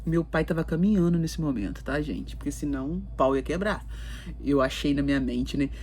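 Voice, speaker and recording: A woman's voice: sits low, fairly quick, darkish tone, husky. A Brazilian woman talking casually to her viewers, telling her life story in a chatty way with lots of fillers and asides. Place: recording while in Canada.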